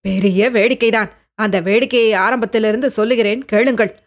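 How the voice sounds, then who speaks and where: A woman's voice: fairly high pitch, steady tone, fairly quick, pitched below the performer's own voice, close to an everyday voice. A woman voicing a fierce, harsh-voiced female ascetic who lives in a cave, telling her tale with drama. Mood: wondering. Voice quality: harsh, hard voice.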